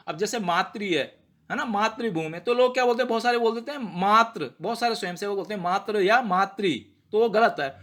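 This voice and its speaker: A man giving a patient pronunciation lesson, sounding out words slowly and checking in with rhetorical questions. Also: sits high, fairly bright tone. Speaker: teacher of prayer pronunciation. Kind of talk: explanatory lesson.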